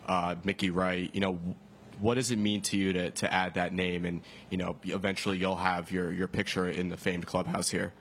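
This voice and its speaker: A male reporter asks press conference questions in a lowish, very flat voice. Faint room noise sits behind him. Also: normal speed.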